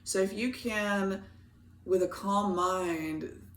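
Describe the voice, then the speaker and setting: A woman giving a casual tarot reading in a gentle, reflective way, with her morning voice. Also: mid-range voice, slow pace, roomy sound, slight background noise. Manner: gentle, reflective, reads card meanings aloud. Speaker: tarot reader.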